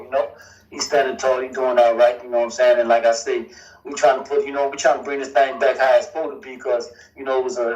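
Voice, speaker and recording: A man answering interview questions casually, hedging with "you know" and "you know what I'm saying.". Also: mid-range voice. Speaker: interview guest. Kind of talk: casual interview over a call. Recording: dull, distant played-back audio.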